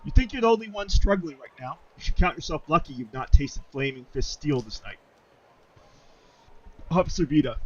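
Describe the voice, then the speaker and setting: A man's voice: a little high, fairly bright tone, distant mic, highs cut off. A man voicing a stern male city guard officer in a shaky put-on British accent.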